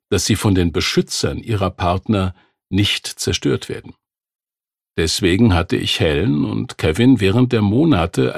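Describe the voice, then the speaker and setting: Male narrator with a low, raspy timbre, measured and even delivery, dry studio read. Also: no room sound. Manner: calm, measured reading. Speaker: audiobook narrator. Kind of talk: scripted narration.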